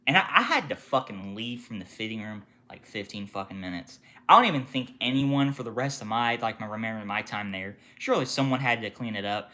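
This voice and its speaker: Storytime vlogger, retail worker; bright, cutting tone, profane and animated, jumps between loud outbursts and low mutters. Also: a little fast, hardly any pauses. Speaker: retail worker telling work stories. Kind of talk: casual storytime rant.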